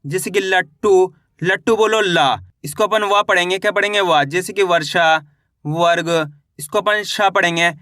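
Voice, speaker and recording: A man with a high, bright voice runs an alphabet lesson one letter at a time. He drills each sound and has learners repeat after him. The sound is dry and close, with no room echo. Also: normal speed. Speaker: Hindi reading teacher.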